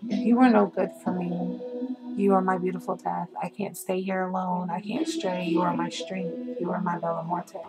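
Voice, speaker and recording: A woman voicing a seductive vampire in a poem she reads aloud, slow and intimate. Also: lowish voice, little pitch movement, music in the background, lightly acted. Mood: tender.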